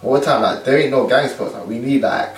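A man's voice: mid-range voice, brisk. A young man with a London accent chatting casually, full of street slang and tag questions. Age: young adult. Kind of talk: casual chat. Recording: echoey room, distant from mic.

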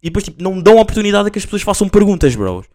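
A young man with a European Portuguese accent hosting a solo podcast, rambling and slangy as he tells stories in a casual, animated way. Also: high voice, rapid-fire. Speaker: podcast host.

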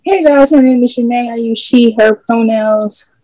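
A young woman from the Philadelphia area speaks as a guest over a video call. Her voice is fairly high but mellow, and the sound is dry and close. She keeps her answers short and matter-of-fact. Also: normal speed, no echo, rough recording. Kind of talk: casual chat.

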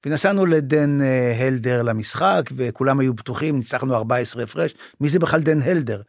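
In a podcast interview, a former basketball club manager, now an older man, recounts stories with feeling, voicing the quoted dialogue and admitting he's moved. He speaks at medium pitch with a creaky quality, in a dry, clean studio recording.

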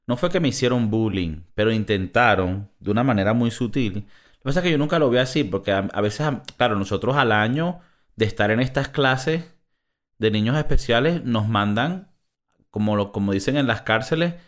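A man's voice: medium pitch, expressive, moderate pace. A man from Venezuela with a Venezuelan accent, co-hosting a casual chat in a frank, laughing, profane way. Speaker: podcast co-host.

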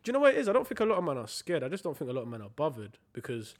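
Animated young London roadman, emphatic and slangy. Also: on the high side, very fast. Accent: London, multicultural street slang. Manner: emphatic, repeats phrases for stress. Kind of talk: casual debate chat with street slang.

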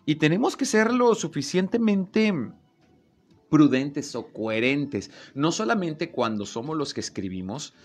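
A man's voice: a little high, sing-song, a little slow. A man hosting a talk show. He chats casually and acts out the voices he quotes. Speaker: host.

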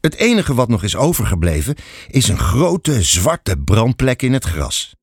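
A man narrating a children's audiobook fairy tale in an expressive storytelling manner. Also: mid-range voice, unhurried, breathy edge, no echo, studio quality, soft background music.

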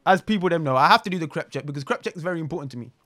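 A young man with a London roadman accent hosting a talk show in animated slangy chat, repeating phrases for emphasis. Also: a little high, very fast. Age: young adult.

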